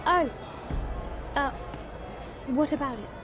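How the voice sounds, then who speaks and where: An actress playing a tipsy, heartbroken young student with slurred drunken speech in an audio drama. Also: female voice, high-pitched, slow, music in the background. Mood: drunken evasive. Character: tipsy heartbroken young woman student, drowning betrayal in butterbeer.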